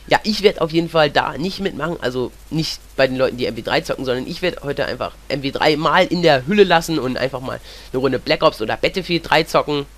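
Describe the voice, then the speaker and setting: A young gaming commentator who has a cold talks through gameplay in a rambling, easygoing manner, often saying "ja" as filler. He has a fairly high-pitched voice with a fairly bright tone.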